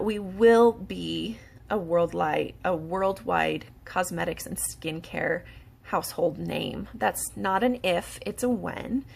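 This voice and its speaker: An eager woman pitches a business opportunity in a loose, chatty way, full of fillers and quick laughs. Her voice has a gravelly fry running under it, and her pitch sits in a middle range. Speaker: beauty product distributor. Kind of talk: casual promotional pitch.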